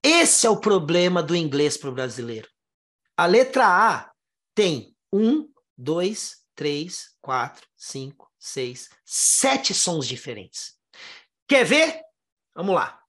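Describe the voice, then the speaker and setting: A Brazilian-born teacher with a lowish, sing-song, slightly bright voice explains English pronunciation to her students in a classroom lesson. She works step by step, slowly drawing out each syllable, and poses rhetorical questions to her listeners.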